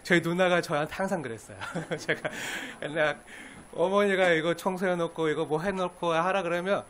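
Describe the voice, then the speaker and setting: High-voiced Korean man preaching. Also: moderate pace, slight background noise. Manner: animated, acts out quoted lines with laughter. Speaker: pastor. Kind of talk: sermon.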